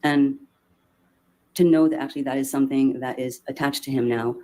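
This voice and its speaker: A man giving courtroom testimony as a witness, hesitant and halting. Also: mid-range voice, fairly even intonation, a little mellow.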